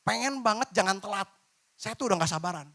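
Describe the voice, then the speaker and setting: High-voiced man preaching lively sermon. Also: quick pace. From Indonesia. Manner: lively, informal preaching with playful voiced examples. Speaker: pastor. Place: church.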